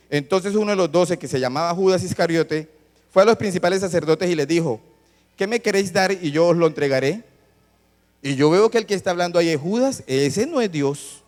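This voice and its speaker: High-voiced man preaching in a reverberant church. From Colombia. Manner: teaching, asks the congregation questions, reads scripture aloud. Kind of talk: sermon. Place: church hall. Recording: long church-hall reverb.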